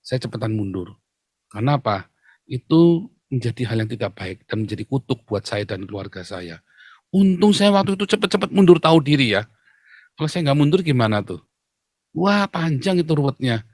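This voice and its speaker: A man's voice: mid-range voice, big pitch swings, brisk, darkish tone, no room sound. A man, a pastor hosting a live stream, talks casually, jokes around and confesses his past with emotion. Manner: joking, then confessional and emotional. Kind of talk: casual preaching chat.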